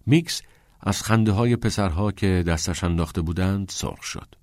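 A male audiobook narrator with a low voice, reading in a steady, measured way. The recording is dry and close, with no room sound. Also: no room sound. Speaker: audiobook reader. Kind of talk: scripted narration.

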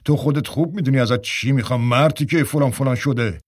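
A man's voice: mid-range voice, husky, close to an everyday voice. Cold menacing ex-ballplayer, a guy voicing him, bitter, radio play. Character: bitter angry male ex-ballplayer. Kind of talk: radio drama acting.

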